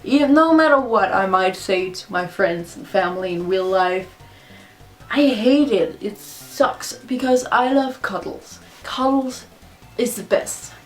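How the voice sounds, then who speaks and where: A woman's voice: mid-range voice, animated, a little slow, soft background music. Drunk woman rambling, non-native English speaker. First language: not English. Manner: rambling, repetitive, confessional. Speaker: video blogger. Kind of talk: casual rambling monologue to camera.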